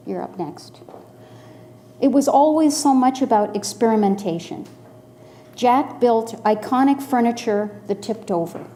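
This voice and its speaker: A woman in her sixties from the Los Angeles area, telling a personal story in a measured, dryly humorous way. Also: a little high, dark tone, slight background noise. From Los Angeles area, USA.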